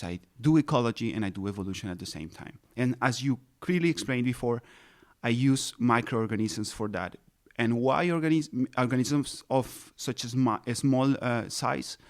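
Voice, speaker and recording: Colombian-raised man explaining science patiently. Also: medium pitch. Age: 30s. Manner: explains patiently, many restarts and fillers. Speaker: ecologist guest. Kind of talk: interview answers, explanatory.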